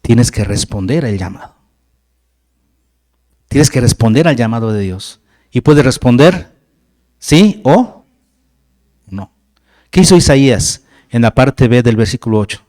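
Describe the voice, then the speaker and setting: A man preaching a sermon, animated and acting out biblical dialogue. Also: mid-range voice, no echo, studio quality. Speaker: pastor. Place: church.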